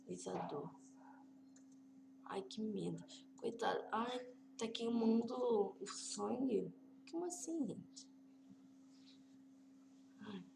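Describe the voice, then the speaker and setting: Squeamish woman gaming, gravelly. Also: on the high side, animated, slow, long pauses, background noise. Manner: squeamish, keeps exclaiming and reading game prompts aloud. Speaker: let's play gamer. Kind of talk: let's play commentary. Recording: roomy echo.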